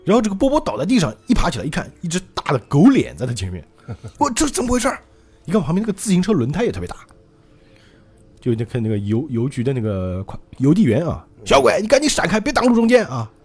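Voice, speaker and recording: A man hosting a podcast, retelling a story in a lively way and acting out each line. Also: a little high, fast, husky. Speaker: podcast host.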